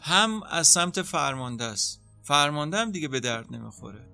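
A man speaking as a psychotherapist in an interview, calmly explaining how treatment works and acting out what a therapist says. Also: on the high side, creaky, faint music behind. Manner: calm, explanatory, acts out therapist dialogue. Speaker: psychotherapist guest.

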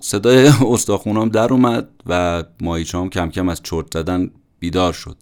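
A man with a low, gravelly voice gives a book summary in a relaxed, chatty podcast manner. He speaks conversationally, with colloquial asides. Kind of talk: casual book-summary narration.

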